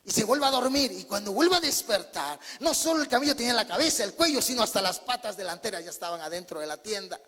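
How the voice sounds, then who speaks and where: A man's voice: high voice, expressive, quick pace, few pauses, fairly bright tone, husky. A male preacher, giving an emphatic storytelling sermon in a church hall.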